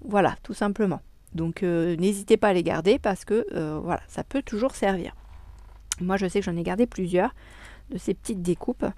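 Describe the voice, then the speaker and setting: A woman talks casually at her home craft desk, cheerful and enthusiastic but often pausing on filler sounds. Her voice sits at an ordinary pitch for a woman. The sound is dry and close, with no room echo. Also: dark tone. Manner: chatty, hesitant, many filler sounds. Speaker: crafting vlogger. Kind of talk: casual crafting vlog chat.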